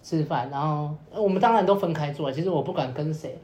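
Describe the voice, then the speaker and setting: A young man tells a long story on a podcast at a quick pace, his fairly high voice a little mellow. He rambles casually, repeats fillers again and again, and acts out people's words, in a roomy space with faint noise.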